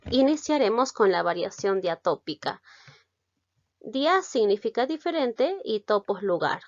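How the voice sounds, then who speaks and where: A woman from Peru with a Peruvian Spanish accent, teaching a recorded lesson, explaining slowly and carefully and checking in with the listener. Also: medium pitch, very animated, dry recording, highs cut off.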